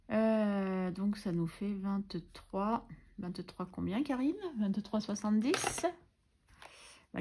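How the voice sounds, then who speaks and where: A woman's voice: medium pitch, gravelly, a little hiss or hum. A French woman vlogging about her budget, chatting casually and teasing herself while she works, a little under the weather. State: coughing, a bit ill. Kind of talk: casual chatty voice-over while doing crafts.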